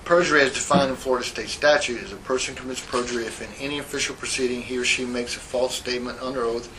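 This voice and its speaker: In an interview room, a male internal affairs sergeant reads out formal statements while questioning a witness under oath, measured and procedural. He speaks at a medium pitch with fairly even intonation. It sounds like an old recorded interrogation tape, with faint hiss.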